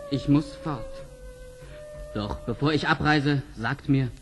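An actor playing an ardent, courteous young Persian prince in an earnest, declamatory fairy-tale radio play manner, with a husky voice. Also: male voice, medium pitch, takes it slowly, over music, lightly acted.

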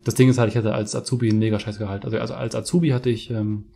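Racing along in a level tone, this low-leaning voice has vocal fry and a mellow, slightly rough texture. The speaker is a twenty-something gaming streamer from Mecklenburg-Vorpommern in northeastern Germany, doing casual let's play commentary on a headset in his webcam-equipped home room, chatty, ranty and cursing freely.

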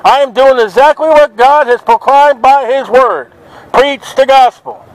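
A man preaching outdoors at a market, forceful and confrontational, quoting scripture to passers-by. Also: extremely high pitch, measured pace, rough recording. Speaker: street preacher. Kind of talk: open-air street preaching. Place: outdoors at a city market by traffic.

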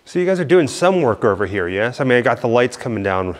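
A man's voice: mid-range voice, big pitch swings, fast talker. A man hosting an exploring vlog, chatting and asking questions in a casual, curious way. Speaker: vlog host. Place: large underground cave.

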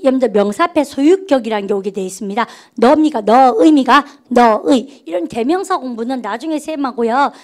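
A woman teaching a grammar lecture in a notably high voice. She drills her class with call-and-response prompts. Her delivery is chatty and playful, and she refers to herself as the teacher. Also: darkish tone.

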